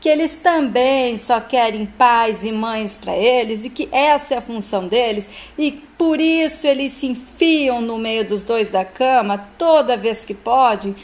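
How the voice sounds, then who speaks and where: A woman voicing an unhinged, jealous wife in a retold soap opera scene, in shouted, pleading outbursts. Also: a little high, measured pace, few pauses, close to an everyday voice. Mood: frantic.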